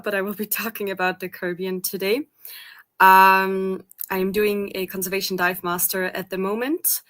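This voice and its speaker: Young woman from Switzerland, flat even delivery, steady panel guest. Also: mid-range voice. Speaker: panel guest, coral restoration communicator. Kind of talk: panel discussion answer.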